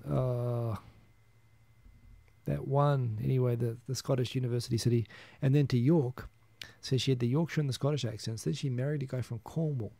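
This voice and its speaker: A mellow, creaky mid-range voice belongs to a New Zealand man in his thirties, captured with no room sound. Hosting a casual live stream alone, he rambles and chuckles over viewer comments and frequently restarts his sentences.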